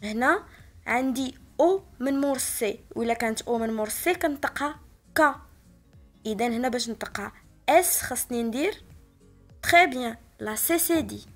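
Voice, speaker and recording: A woman with a Moroccan Arabic accent teaches remotely in a high, clear voice. She takes each example slowly and spells it out with patience. Soft music plays faintly beneath her. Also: animated. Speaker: primary school teacher. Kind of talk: remote French spelling lesson explained in Arabic.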